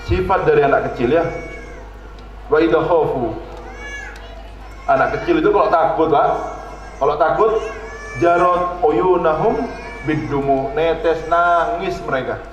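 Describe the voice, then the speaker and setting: A man's voice: a little high, slight background noise. A man with a Javanese-tinged Indonesian accent preaching a sermon, putting questions straight to the audience and asking for their agreement. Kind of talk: religious sermon. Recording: echoey hall, dull lo-fi sound.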